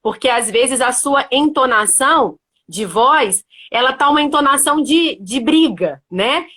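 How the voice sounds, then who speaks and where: High-voiced woman explaining parenting. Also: expressive, measured pace, a bit bright. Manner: thoughtful, explaining with frequent "né?". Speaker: host. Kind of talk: casual parenting chat.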